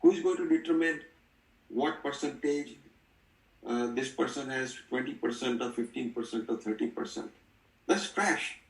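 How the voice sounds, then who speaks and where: A man's voice: medium pitch, normal speed. A man presses his questions in a discussion, insistent and repeating himself. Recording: echoey room, distant mic.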